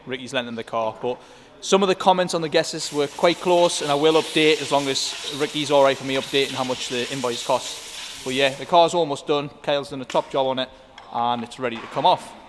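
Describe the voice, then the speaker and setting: A man's voice: mid-range voice, brisk, few pauses. A man hosting a casual walk-around vlog inside a car workshop, chatting with the mechanics. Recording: echoey workshop hall with faint background noise.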